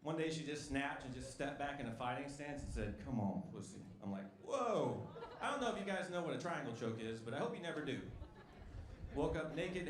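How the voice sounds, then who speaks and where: A male stand-up comedian doing a punchy, wry set, talking to the crowd from a club stage on a handheld mic. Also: on the high side. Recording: echoey club with loud crowd noise.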